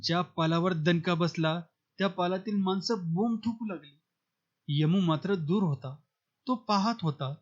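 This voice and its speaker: A man narrating a novel in a steady, measured storytelling manner. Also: high voice, dull audio. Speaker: audiobook narrator. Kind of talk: novel reading.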